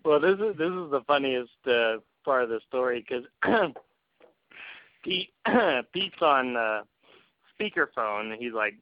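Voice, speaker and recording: A man's voice: medium pitch, lively intonation, takes it slowly, dry recording. A man who hosts a podcast, chatting casually with his guest and laughing often as he retells the story, on a dull lo-fi recording. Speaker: podcast host. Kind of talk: casual interview chat.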